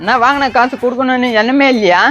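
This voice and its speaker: A man's voice: very high-pitched, quick pace, dull audio, background noise. Nagging moneylender, played by a man, grumbling and suspicious. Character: nagging moneylender chasing a debt. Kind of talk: comedy skit acting. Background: faint music.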